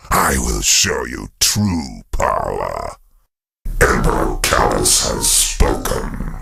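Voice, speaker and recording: A man playing a decadent, grandiose alien emperor in a video game, pompous and theatrical, with a raspy, gravelly voice. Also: extremely low pitch, a bit bright, exaggerated voice. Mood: grandly commanding.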